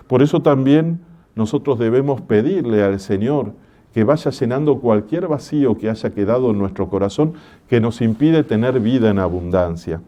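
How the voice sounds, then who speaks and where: A man, a parish priest giving a religious conference talk in a gentle, measured preaching manner with homely stories. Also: lowish voice, dull audio.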